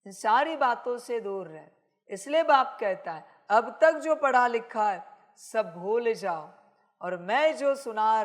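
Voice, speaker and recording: Slow, high-voiced woman preaching as a father. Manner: speaks as a father addressing her children, admonishing; emphatic rhetorical questions. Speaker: spiritual messenger. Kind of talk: channeled sermon as a divine father.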